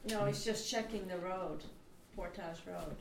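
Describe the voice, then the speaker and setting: A woman's voice: fairly low pitch, unhurried, vocal fry, noisy background. A woman in a casual history chat, agreeing with short affirmations and adding remarks. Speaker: group member in a local history chat. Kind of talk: casual conversation. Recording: distant mic in an echoey room.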